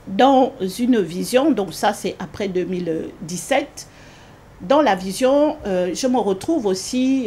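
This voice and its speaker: A woman giving an earnest spoken religious testimony in an interview, repeating phrases often and pausing with hesitations. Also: warm tone. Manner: earnest, repetitive, with many hesitations; rises sharply in pitch when quoting her own pleas.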